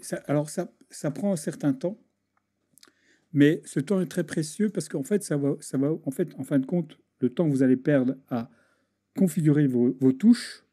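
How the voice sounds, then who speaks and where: A man with a somewhat high but very dark, mellow voice narrates a screen-recorded tutorial. He hesitates often, repeats words and restarts sentences while working in the program. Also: breathy edge. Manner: hesitant, many restarts and fillers, talks while clicking. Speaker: video editing tutor.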